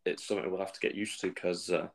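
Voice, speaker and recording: A man's voice: deep voice, flat delivery, fast talker. A man from England co-hosting a football podcast in casual chat, often stammering and restarting. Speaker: podcast co-host.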